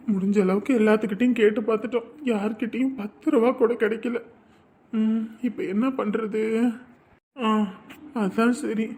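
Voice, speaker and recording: A man's voice: very high voice, darkish tone, breathy edge. A worn-down village father. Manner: heavy, resigned musing. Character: poor village father pawning gold to save daughter, grim. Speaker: actor. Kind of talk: village drama acting.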